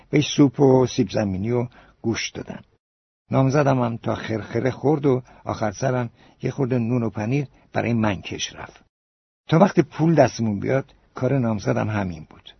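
A man's voice: mid-range voice, gravelly, breathy edge, dry recording. A male narrator voicing a boastful young man telling a tale to a café crowd, in an audiobook. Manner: grandiose, theatrical address. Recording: dull lo-fi recording.

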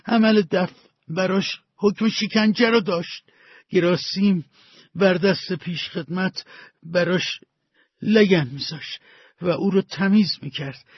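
A man reading a story aloud with slow, dramatic delivery and big swings in loudness. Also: mid-range voice, dry recording. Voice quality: gravelly, husky. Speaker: narrator. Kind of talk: storybook narration. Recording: dull lo-fi dry recording.

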